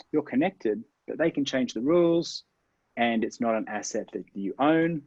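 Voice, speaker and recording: Low-voiced man explaining marketing steps. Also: a little mellow, no room sound. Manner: upbeat, explanatory, stresses key words. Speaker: internet marketing guest expert. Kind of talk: interview advice, explaining step by step. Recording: dull, dry lo-fi sound.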